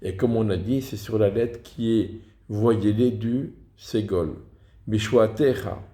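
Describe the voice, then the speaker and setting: A man giving a slow, deliberate lesson on reading liturgical texts, pausing to sound out example words. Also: fairly low pitch, fairly even intonation, dark tone, roomy sound. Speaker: teacher of Hebrew liturgical reading.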